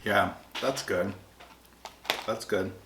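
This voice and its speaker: Low voiced american guy, laid back food review chat, echoey room w some noise. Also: extremely slow, a bit bright. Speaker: food review vlog co-host. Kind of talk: casual taste-test chat.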